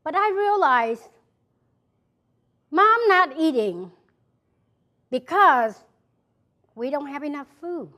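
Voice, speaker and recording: A woman from South Vietnam, speaking with a Vietnamese accent, delivers an emphatic motivational speech to a live audience in an event hall, repeating key phrases. Her voice is high-pitched and animated with a sharp tone, and she speaks slowly with frequent pauses.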